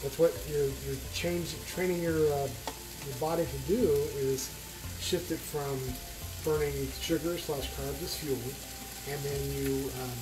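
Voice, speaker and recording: A man's voice: on the high side, steady tone, unhurried, rough recording. A man hosting a home cooking video, chatting casually with many fillers and restarts. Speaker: cooking channel host.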